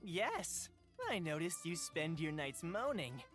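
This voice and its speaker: A woman's voice: low-pitched, sing-song, takes it slowly, soft background music, heavily acted. A woman voicing a cheeky male bard who mocks his friends in playful, theatrical, mock-archaic phrasing, read aloud from a visual novel. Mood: teasing. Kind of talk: voice acting while reading a visual novel on stream.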